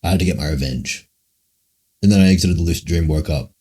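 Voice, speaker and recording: A man's voice: very deep voice, quick pace, dark tone, slightly rough. A young man livestreaming, answering chat questions in a rambling, profane, casual way, full of "like" and "man".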